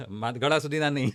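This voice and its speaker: A relaxed, middle-aged oncologist from Ahmedabad, India, speaks in a somewhat high voice with a Gujarati accent during a conversational interview. He slips English phrases into his talk and laughs lightly now and then.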